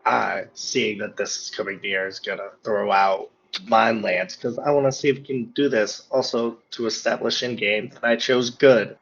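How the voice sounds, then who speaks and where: Husky male player thinking out loud. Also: on the low side, fairly even intonation, moderate pace, lo-fi sound. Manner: explains rules and plans, thinks aloud. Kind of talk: casual tabletop play.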